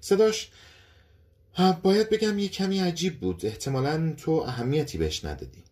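A man's voice: on the high side, lively intonation, a little mellow, pitched above the performer's own voice, lightly acted. A man voicing an uneasy, insistent wife.

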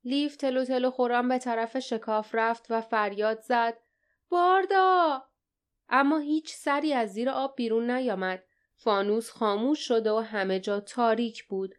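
A woman narrating an audiobook in a steady, dramatic storytelling style. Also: fairly high pitch, smooth. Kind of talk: scripted narration.

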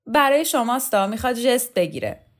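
A woman's voice: high voice, voice pushed up, lightly acted. A woman reader voicing a nervous young male student who speaks in flowery, overwrought phrases in an audiobook. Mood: sneering.

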